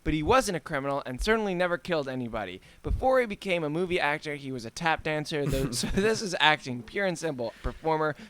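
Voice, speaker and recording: A man's voice: a little high, animated, fast, few pauses, a bit bright. A male podcast co-host in casual chat, reading facts from notes and adding dry asides.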